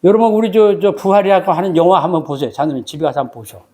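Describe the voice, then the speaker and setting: A man preaching a sermon as pastor, telling the story with lively acted-out voices and calling for amens from the congregation. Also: high voice, rapid-fire. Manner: animated storytelling, acts out voices of biblical figures.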